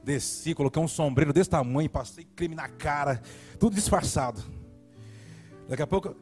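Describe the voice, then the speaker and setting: A male pastor preaching a sermon, telling a comic story in an animated way. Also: fairly high pitch, moderate pace, faint music behind.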